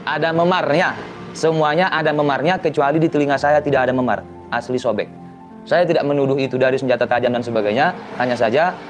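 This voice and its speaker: A man earnestly recounting his own account in first person, detailed and insistent on the facts. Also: medium pitch. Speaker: person giving a clarification.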